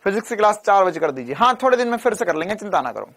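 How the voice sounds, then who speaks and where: Playful, energetic male physics teacher. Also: high voice, rapid-fire. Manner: energetic, playful, teases and answers his own questions. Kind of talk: online exam-prep lecture.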